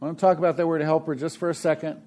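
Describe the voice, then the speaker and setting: A man's voice: on the high side, flat delivery, very fast, darkish tone. A man preaching a sermon as pastor, telling stories in a chatty, joking way with lots of fillers.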